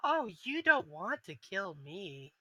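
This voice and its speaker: A woman's voice: medium pitch, sing-song, slow, fairly bright tone, dry recording, heavily acted, rough recording. Woman putting on a sly mocking orc mage. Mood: taunting.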